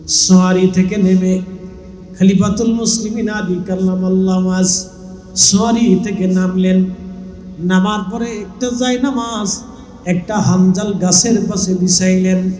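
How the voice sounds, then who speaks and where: A high-voiced man with a Bangladeshi Bengali accent delivers a sermon at a slow, drawn-out pace, half singing in a wailing chant that climbs into high calls. His voice comes through a PA microphone and booms across an open-air gathering ground with long, echoing reverb. Faint music sits underneath. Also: darkish tone. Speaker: preacher. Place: outdoor religious gathering ground.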